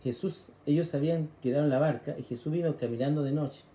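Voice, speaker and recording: A man's voice: fairly high pitch, quick pace, mellow, reverberant. A man with a Chilean accent preaching a sermon, explaining scripture conversationally and acting out the cries of frightened people. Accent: Chilean Spanish.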